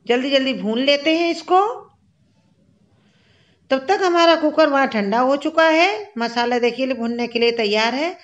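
A woman with a high, bright-toned voice narrates a home cooking video, explaining each step in a friendly, chatty way. The recording is somewhat dull and lo-fi, as if made on a simple home setup. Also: a little slow. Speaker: cooking channel host. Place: home kitchen.

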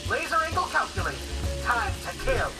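A performer voicing a cheerful, polite robot butler turned assassin in a video game, chirpy and courteous even while threatening. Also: mid-range voice, normal speed, natural voice. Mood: chirpy menace. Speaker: villain robot agent. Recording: distant voice over loud game music.

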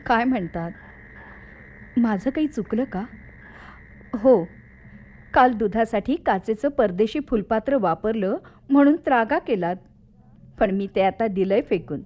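A devoted, anxious wife in a radio drama, gentle and pleading as she answers her husband. Her voice sits fairly high. The recording has the dull, lo-fi sound of an old broadcast. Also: lively intonation, a little slow, pauses often. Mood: worried. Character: devoted young wife, later an elderly narrating widow.

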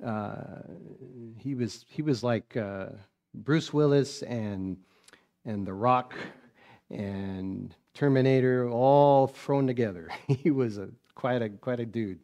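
A man's voice: medium pitch, slow pace, warm tone. Guy preaching in church, chatty storyteller, acts it all out. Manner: folksy storytelling, acts out scenes, chuckles often. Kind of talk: sermon.

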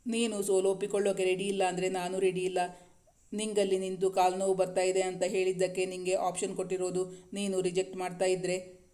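ತಮಾಷೆಯ ಯುವ ಗಂಡ, ಮಹಿಳೆ ಮಾಡುತ್ತಾಳೆ, ಮೆಲು ದನಿ, ಕಾಡಿಸುವ ಧಾಟಿ, ಕಥಾ ಓದು. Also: female voice, on the low side, level tone, fairly quick, close to an everyday voice. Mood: teasing. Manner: teasing, soft-spoken. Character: teasing playful young husband.

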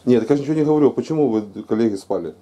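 A man's voice: mid-range voice, animated, racing, dark tone. A man filming himself as he questions officers on duty, insistent and pressing, repeating his demands. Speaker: blogger confronting police at a post. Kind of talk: confrontational street recording.

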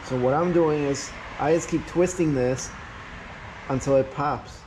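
Wearing a head-mounted camera, a vlogger casually talks viewers through a tool demo as he works on a car in his garage, its door open to outdoors. His voice is fairly high, slightly slow and a little mellow, on a rough recording with some hiss or hum.

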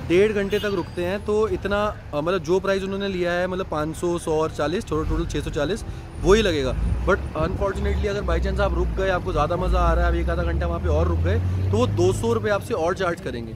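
The young man vlogging his travels has a high voice and a steady tone at normal speed as he casually, repetitively explains things to the camera. He records on a phone held at arm's length, first outdoors by roads and parking, then in a parked jeep, with background noise.

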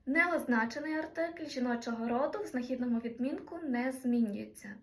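Woman teaching grammar, slow careful examples. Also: on the high side, reverberant, recorded from a distance. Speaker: Greek language teacher. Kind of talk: explaining grammar in a lesson.

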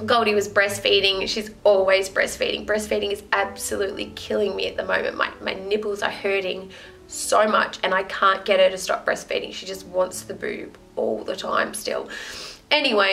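A woman's voice: medium pitch, gravelly, a bit bright, poor audio. A young woman chatting in a rambling, emotional way in a casual home vlog from her living room. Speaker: vlogger.

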